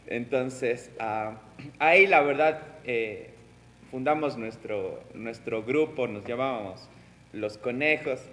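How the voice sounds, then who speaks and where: A man's voice: medium pitch, slow, fairly bright tone. Young man, casual chat, sentimental, reverberant room.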